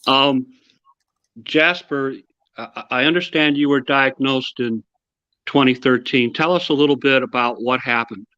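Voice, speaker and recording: A man's voice: mid-range voice, unhurried, bright, forceful tone, dry recording, dull audio. A man hosting a live online interview, asking brief prompting questions over a call. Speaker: host.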